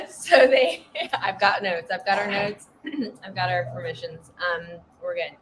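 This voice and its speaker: A woman's voice: on the low side, steady tone, a little slow, a bit bright, a little hiss or hum. A woman, co-hosting a podcast and telling a story in a chatty, rambling way. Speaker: podcast co-host. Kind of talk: casual chat.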